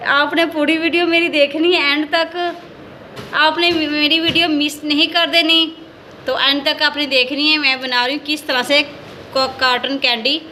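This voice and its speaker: A high-voiced woman hosts a homemade cooking video, talking the viewer through each step in a chatty, show-and-tell way. Her tone is bright and forward, with a faint hum of room sound behind her. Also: level tone, measured pace. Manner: chatty, keeps pointing things out step by step. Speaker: home cooking vlogger. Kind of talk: casual cooking demonstration.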